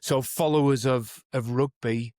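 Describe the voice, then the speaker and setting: Explaining coaching methods thoughtfully and conversationally, this performance coach and podcast co-host often restarts his sentences and says "you know"; English is his first language. His mid-range, slightly mellow voice is unhurried with fairly even intonation, recorded clean in a studio with no room sound.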